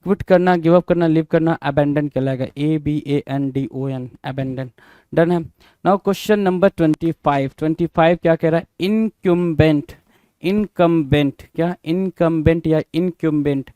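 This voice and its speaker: In a mellow, fairly high voice at a moderate pace, a man runs a casual exam-prep English vocabulary lesson in call-and-response style, repeating words, spelling them letter by letter, and answering his own questions. He keeps things informal, calling his students brother, and the sound is clean with no room noise.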